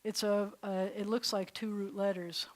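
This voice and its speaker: A woman rabbi teaches a beginners' Hebrew class in a classroom or congregation hall, loose and chatty, often restarting sentences and slowly sounding words out. Her medium-pitched voice has little pitch movement.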